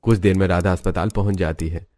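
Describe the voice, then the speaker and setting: A man giving scripted narration for a cartoon story in an even storytelling manner. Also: low-pitched, fast.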